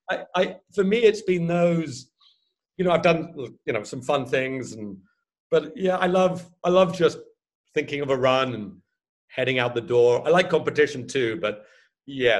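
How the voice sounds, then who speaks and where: A man's voice: medium pitch, animated, moderate pace. Chatty man in his fifties. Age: 50s. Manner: chatty and self-deprecating, with laughs. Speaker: competitor, ultra runner. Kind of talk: casual chat.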